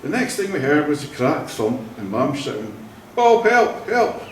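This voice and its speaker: Speaking at a moderate pace with wide swings in his medium-pitched voice, a Scottish celebrant conducts a vow renewal ceremony. He tells family anecdotes in a jovial manner, laughing a lot, in a church hall. The recording is echoey and distant-miked, with slight background noise.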